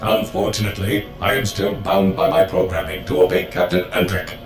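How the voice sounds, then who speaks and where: An actor playing a bombastic, fiercely patriotic war droid in a video game, with grandiose formal speech. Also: male voice, low-pitched, level tone, a little fast, natural voice. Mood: earnest, melodramatic. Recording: roomy echo, clear music underneath.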